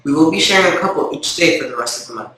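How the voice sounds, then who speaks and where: Bright-voiced man announcing over the intercom. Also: on the high side, expressive, very fast, faint music behind. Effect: heard over a school intercom. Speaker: school announcer. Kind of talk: reading school announcements. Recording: echoey intercom with faint background hiss.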